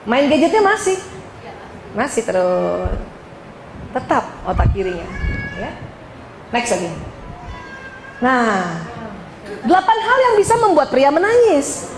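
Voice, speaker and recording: A woman giving a lively, teasing lecture to a group of women, often calling out to her listeners. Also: high-pitched, slow, long pauses, noisy background. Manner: animated, teasing, addresses audience as "Bu". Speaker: speaker giving a parenting talk. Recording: echoey hall with faint background ambience.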